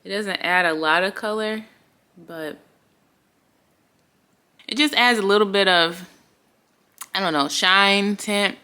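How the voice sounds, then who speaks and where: A woman's voice: medium pitch, takes it slowly, pauses often, pushed and bright, clear, resonant tone. A woman in her late twenties chatting casually to her viewers in a vlog, upbeat and talkative. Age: late 20s. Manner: chatty, upbeat, says "y'all". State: has the hiccups. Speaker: vlogger.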